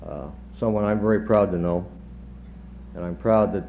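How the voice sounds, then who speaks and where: A middle-aged man with a lowish voice gives an after-dinner tribute, pausing often and slipping in dry jokes. He sounds muffled and dull, as on a worn 1970s reel-to-reel tape, with a faint hum underneath. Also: gravelly. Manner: halting, many pauses and fillers, dry humor. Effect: on old worn reel-to-reel tape. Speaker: chief of staff giving a retirement speech.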